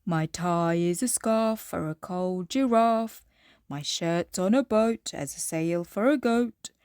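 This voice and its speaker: Lady doing a friendly proud giant guy for a kids story, hearty and singsong, slow, kinda high. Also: darkish tone, no room sound, clean studio sound. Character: kind, cheerful, proud male giant in a storybook.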